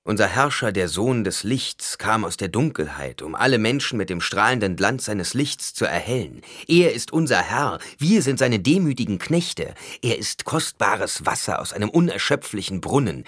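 A man's voice: fairly low pitch, big pitch swings, a bit bright, no echo, studio quality, pitched above the performer's own voice. A man voicing a cool, lecturing advisor. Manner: measured, lecturing, patient. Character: calm, lecturing male advisor, cool and philosophical. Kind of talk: audiobook character voice.

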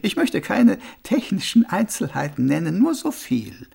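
A serene old monk who sweeps floors for pennies, as a male narrator puts him on, speaking in a raised, gravelly voice. He takes his time over every phrase, gently amused and reassuring. The voice swoops up and down with a husky edge. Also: high-pitched, wildly swooping pitch, voice pushed up, full character voice. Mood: calm, amused. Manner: slow, gently amused, soothing. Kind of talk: audiobook character voice.

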